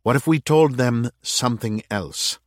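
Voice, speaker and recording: A man voicing a careful, patient male adviser who speaks in measured tones, in a dry recording. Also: mid-range voice, no room sound, pitched above the performer's own voice, close to an everyday voice. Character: careful, level-headed man advising the mayor.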